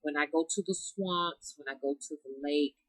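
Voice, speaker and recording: With a deep voice at normal speed, this woman vlogs about spiritual practice in a folksy, casual way, calling herself Mama and saying y'all to viewers. Sinus trouble leaves her sounding nasal and congested. The audio is poor, with no room sound.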